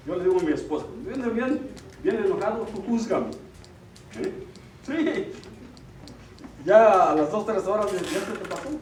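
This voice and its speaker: A middle-aged lay speaker gives an earnest talk at a church retreat, his voice sitting high. He often checks in with listeners, questioning them with the tag "ok?". He's recorded from far off in a roomy hall, with a little hiss or hum.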